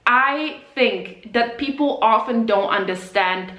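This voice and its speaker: Young woman from Poland, bright tense voice, casual rambling vlog talk, echoey room. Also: fairly high pitch, slow pace. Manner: chatty, rambling, self-questioning. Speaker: vlogger. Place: outdoors walking, then at home.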